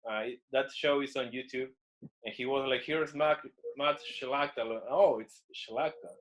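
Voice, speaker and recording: A man co-hosting a casual podcast and asking questions of his guest. His voice has an everyday mid-range pitch. He talks easily and chuckles between his questions. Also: unhurried. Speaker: podcast co-host and interviewer. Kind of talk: casual interview chat.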